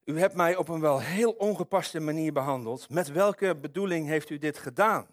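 A man's voice: a little high, moderate pace, no room sound, clean studio sound, natural voice. A man reading aloud the part of an indignant king who earnestly protests his innocence.

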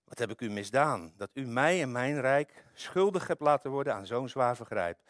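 A man's voice: mid-range voice, expressive, normal speed, fairly bright tone, no room sound, clean studio sound, lightly acted. A man reading aloud the part of an indignant king who earnestly protests his innocence.

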